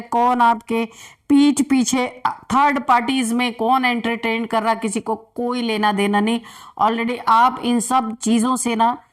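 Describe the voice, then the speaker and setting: A woman reading tarot for an online audience, her voice sitting a little high. She talks at an unhurried pace, drawing out each card name before easing into chatty, laugh-filled explanations. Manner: slow, drawn-out card calls, then brisk chatty explanation with frequent laughs. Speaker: tarot reader. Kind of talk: general tarot reading to viewers.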